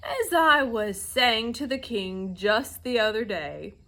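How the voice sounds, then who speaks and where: Storybook humbug insect: elderly male, pompous, declamatory, bright and higher-pitched, played by a woman. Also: very animated, heavily acted. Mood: pompous, boastful. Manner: pompous, declamatory, drawn-out delivery. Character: pompous, blustering old male humbug insect, grandiose, indignant.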